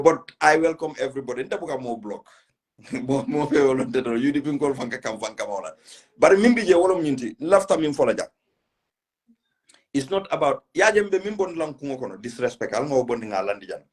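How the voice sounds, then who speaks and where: A brisk, animated man with a mid-range voice and a West African accent hosts a political live stream. The chat is casual and mixes English with a local language, and he speaks emphatically, going back over his phrases.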